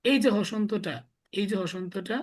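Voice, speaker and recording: A man's voice: high voice, normal speed, husky. A man teaching a small class, explaining step by step and asking his students the same question again and again. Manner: quizzing students with repeated questions. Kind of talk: classroom lesson.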